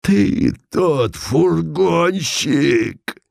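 A man voicing a vicious old bandit who rasps and snarls his words out slowly. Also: fairly high pitch, animated, no echo, studio quality, pitched above the performer's own voice, full character voice. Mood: snarling. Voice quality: hoarse, rasping.

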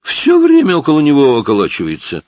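A man's voice: fairly high pitch, huge pitch swings, fast talker, a little mellow, no room sound, voice pushed up. A man voicing a brash insolent teenage punk. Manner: mocking, rude slang.

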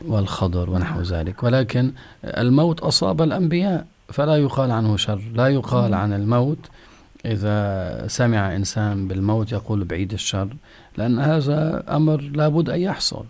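A man, a sheikh calmly explaining rulings to callers with examples. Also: fairly low pitch. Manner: calm, explanatory, gives examples. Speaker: sheikh answering callers' questions. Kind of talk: religious call-in answers.

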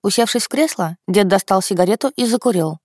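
A woman reading a novel aloud in the first person, in a smooth, even storytelling manner. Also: medium pitch, fairly quick, dry recording, clean studio sound. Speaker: audiobook narrator. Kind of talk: first-person audiobook narration.

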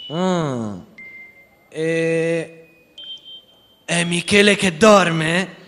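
A man's voice: sits high, lively intonation, drawn-out words, fairly bright tone, big-room sound, voice pushed up, exaggerated voice. A man voicing Peter Pan, the boy who never grew up, eager and boastful, in a radio reading. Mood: eager, excited.

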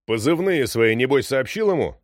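A man voicing a harried middle-aged sea captain who is anxious and touchy and shouts defensively. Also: medium pitch, lively intonation, normal speed, dry recording, studio quality, pitched above the performer's own voice, close to an everyday voice. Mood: irritated.

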